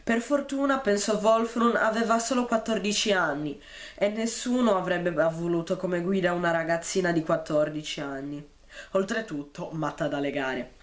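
A man reading a novel chapter aloud and then discussing it, with frequent "eh" fillers and throat-clearing. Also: sits high, moderate pace. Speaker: book reader and commentator.

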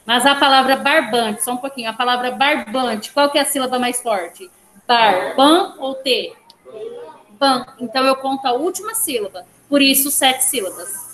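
A woman's voice: high voice, expressive, a little fast. A woman teaching a language class online, explaining step by step, counting syllables aloud and checking in with her students. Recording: echoey room, faint background noise.

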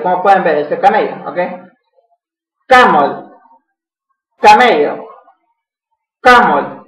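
A man's voice: sits high, a bit bright. Male teacher, patient repetition drill, heard from across an echoey room. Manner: repeats each word slowly, checking with "¿ok?". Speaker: English teacher. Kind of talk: classroom vocabulary drill. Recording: echoey room, mic far off.

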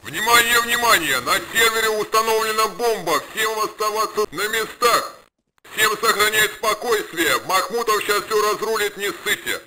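A man's voice: sits high, normal speed, bright, forceful tone, voice pushed up, poor audio. A man putting on a swearing cop on police radio. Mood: urgent. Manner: urgent, crude dispatch announcements. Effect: police radio transmission. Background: music.

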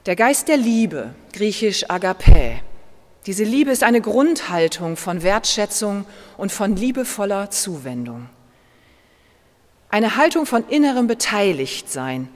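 A woman pastor with a German accent, preaching a sermon in a slow, measured way with gentle emphasis. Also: medium pitch, animated. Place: church. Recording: long church reverb.

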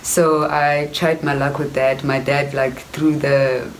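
With a very deep voice and a flat, slow delivery, a young adult South African actress shares her story to a close-range camera in an indoor room backed by wooden cupboards. Her accent is South African, and her manner is casual and reflective, peppered with "you know." The recording is poor quality, with a little background noise.

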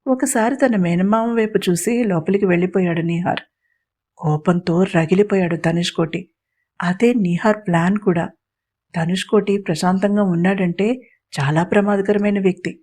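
A woman's voice: moderate pace, mellow. A woman reading a story aloud as the narrator and voicing every character herself. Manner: voices all the characters herself with small pitch shifts.

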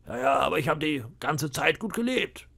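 A man voicing a boastful, scheming pirate cook of about fifty, with a gravelly, raspy voice and a sly, bragging manner. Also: fairly high pitch, animated, moderate pace, sharp tone, voice pushed up, full character voice. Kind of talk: audiobook character voice.

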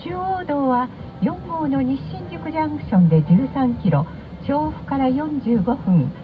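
A woman radio traffic announcer with a high, cute, anime-like voice, speaking in a radio broadcast style. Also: lively intonation, unhurried. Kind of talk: live radio traffic report and farewell cross-talk. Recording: tinny band-limited radio broadcast with music.

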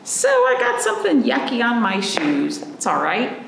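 A children's librarian hosts storytime and reads a picture book aloud, putting simple, encouraging questions to young children. Her voice is higher-pitched, unhurried, and creaky, with wildly swooping pitch. Recorded in a small indoor room a few feet from the camera, the sound is roomy and echoing with faint background noise.

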